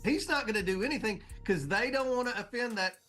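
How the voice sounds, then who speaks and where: A man's voice: high voice, a little fast, over loud music. A man giving assertive, opinionated political commentary.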